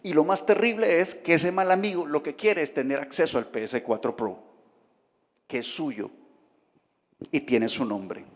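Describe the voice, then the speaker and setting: A man's voice: fairly high pitch, unhurried, pauses often. Man preaching in a reverberant hall. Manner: conversational preaching with questions to the congregation. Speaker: pastor. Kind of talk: sermon. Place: church hall. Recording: reverberant hall with faint music behind.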